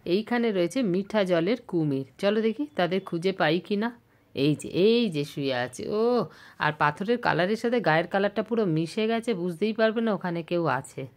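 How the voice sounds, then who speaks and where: Chatty woman vlogging outdoors, low voice. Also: fairly quick. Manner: chatty, excitable pointing-out. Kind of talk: casual walking vlog narration. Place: outdoors at a zoo. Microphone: handheld camera.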